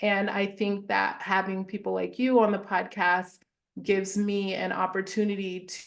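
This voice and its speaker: A woman therapist guesting on a podcast, explaining her work in a measured, steady way. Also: mid-range voice, creaky. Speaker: therapist and wellness founder, guest. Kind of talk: podcast interview conversation.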